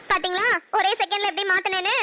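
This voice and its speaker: A woman's voice: extremely high pitch, fairly even intonation, normal speed, bright, forceful tone, dry recording. A woman with a Namakkal Tamil accent voicing a playful, bossy young wife who chats and banters in a cartoon. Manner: chatty, bantering. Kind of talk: cartoon voice acting.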